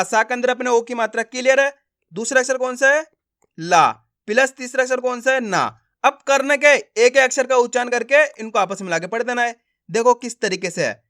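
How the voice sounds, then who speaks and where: Man sounding out syllables slowly. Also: extremely high pitch, sharp tone. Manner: sounds out words syllable by syllable, slow and emphatic; repeats simple questions to the viewer. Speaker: Hindi reading teacher. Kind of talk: online reading lesson.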